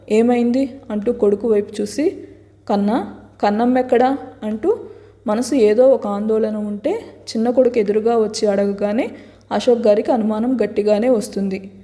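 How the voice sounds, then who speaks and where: A woman storyteller narrating a serialized romance story in a steady, dramatic reading. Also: mid-range voice. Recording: long hall reverb.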